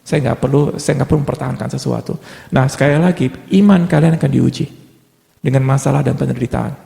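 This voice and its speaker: A man's voice: medium pitch, fast talker, creaky, mellow, big-room sound. A man preaching a sermon in a casual conversational way, now and then dropping English phrases into his talk.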